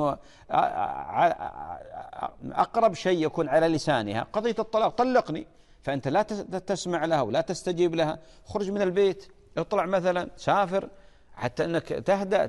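A man's voice: a little high, darkish tone, long reverb tail. A man preaching an earnest sermon, often stalling and restarting mid-word.

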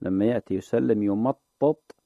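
A man, a sheikh answering religious questions on a call-in show, explaining in a measured way and drawing out the phrases he demonstrates. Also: on the low side, creaky, warm tone, no room sound. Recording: dry, phone-like narrow sound.

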